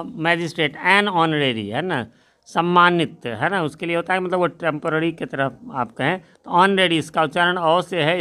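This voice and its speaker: Smooth-voiced male grammar teacher. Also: a little high, pushed and bright. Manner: slow, deliberate reading of example sentences, frequent tag question "है ना". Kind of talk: explanatory grammar lesson.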